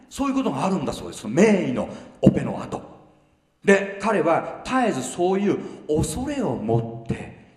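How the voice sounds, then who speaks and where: A middle-aged man preaching a sermon in a conversational way, often checking with the congregation and dropping into quiet asides. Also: fairly high pitch. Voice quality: animated, swings between loud emphasis and quiet asides. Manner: conversational, asks the congregation "ok?" and "you see?". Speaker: pastor. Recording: echoey hall heard from a distance.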